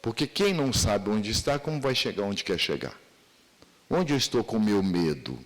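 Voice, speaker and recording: A man's voice: fairly low pitch, very animated, normal speed, long reverb tail. A man with a Brazilian accent giving a spiritual lecture at a seminar, asking many rhetorical questions.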